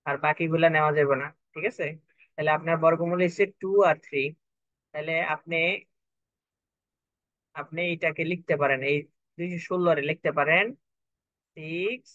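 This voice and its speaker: A young man teaches a math lesson, breaking each step down patiently and repeating himself to make sure students follow. His voice sits slightly high for a man. The recording is dry and dull, like a lo-fi online class. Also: fairly bright tone, no room sound. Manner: patient, repetitive, checks for understanding. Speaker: math tutor.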